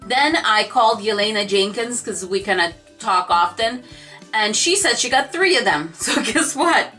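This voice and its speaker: A woman's voice: a little high, expressive, normal speed, sharp tone, faint music behind. A woman craft vlogger chatting casually to camera about her shopping haul, gushing and talking straight to her viewers. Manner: gushing, chatty, addresses viewers as "you guys".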